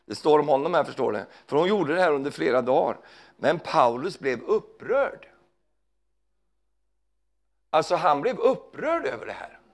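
A man preaching a fervent sermon, calling out hallelujah often and swinging between loud emphasis and hushed asides. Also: a little high, sing-song, gravelly, long pauses.

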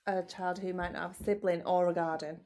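Mellow-voiced woman gently interviewing. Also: fairly low pitch, flat delivery, a little fast. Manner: gentle, encouraging, asks long leading questions. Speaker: host interviewing children. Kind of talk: casual podcast interview.

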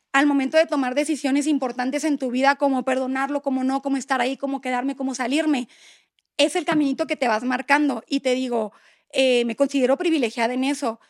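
A woman's voice: high voice, steady tone, brisk, no room sound, studio quality. A woman in her thirties with a Mexican accent, a podcast guest telling a personal story with feeling, colloquial and tearful at moments. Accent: Mexican Spanish. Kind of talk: emotional storytelling.

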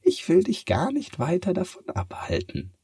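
A sly, teasing cat from the moon purrs its lines high and slow, as a man reads it out. The storybook voice is husky and dry. It stays calm and kind. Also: no room sound, heavily acted. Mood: gentle. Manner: purring, drawn-out teasing delivery.

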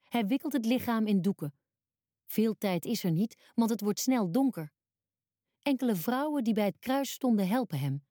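A woman with a mellow, warm voice reads a children's story aloud in a calm, clear and simple way. The recording is close and dry, with no room sound. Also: fairly high pitch, normal speed, dry recording. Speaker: storybook narrator. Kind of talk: scripted narration of a children's Bible story.

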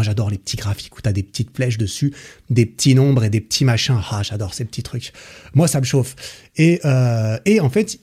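A man's voice: mid-range voice, dark tone, breathy edge. A man hosting a podcast, summarizing a book in a chatty, enthusiastic way with slang and frequent fillers. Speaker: podcast host.

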